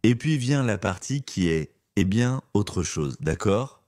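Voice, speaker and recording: A man giving a scripted voice-over narration in an even, explanatory way. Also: on the low side, slow pace, dry recording.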